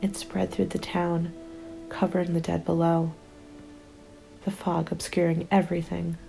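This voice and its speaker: In an intimate ASMR roleplay, a woman plays a despairing apocalypse survivor and narrates her scripted first-person story, sounding bleak over soft background music. Her soft, mellow voice sits on the low side with gravelly fry at the edges and often drops to a whisper. Her hushed, subdued delivery is a little slow, with a narrow melody and little pitch movement.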